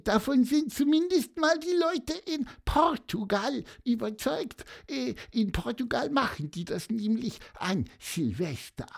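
A woman voicing a chatty, know-it-all little bird in a children's audio story, lively and talkative. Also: a little high, a little slow, gravelly, hardly any pauses, heavily acted. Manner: lively, talkative, fond of "ja, ja" and "mein Lieber".

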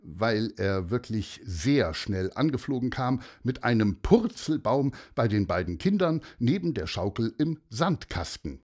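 A man narrating a children's story in an expressive, playful way. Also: mid-range voice, a little slow, hardly any pauses.

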